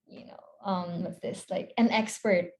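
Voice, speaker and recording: A woman's voice: fairly low pitch, fairly even intonation, measured pace, a little mellow, slight background noise. A young woman from the Philippines in her twenties, a content creator chatting casually and giggling as a podcast guest, with a rambling, filler-heavy way of talking.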